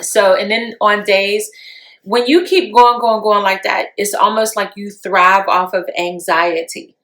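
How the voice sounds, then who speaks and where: A middle-aged woman co-hosting a podcast, talking casually about faith and rest, expressive and quick to laugh. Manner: expressive, laughs easily, swings up in pitch when excited. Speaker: podcast co-host.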